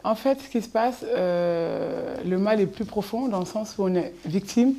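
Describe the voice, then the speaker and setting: A woman's voice: medium pitch, animated, a little slow, warm tone. A woman interview guest answering in short, firm statements.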